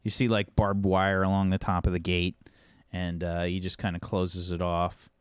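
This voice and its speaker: A man narrating a tabletop game as game master, casual and halting as he searches for words. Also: low voice, completely flat delivery, smooth, no room sound.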